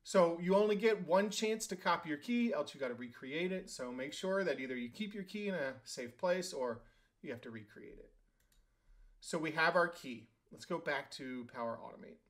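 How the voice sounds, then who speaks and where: A man walks through a software setup on screen, speaking casually as he goes. His voice sits a bit high for a man. He thinks out loud, with fillers and quick restarts. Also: animated. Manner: casual, thinks aloud with fillers and self-corrections. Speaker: tech tutorial host. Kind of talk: screen-recorded software tutorial.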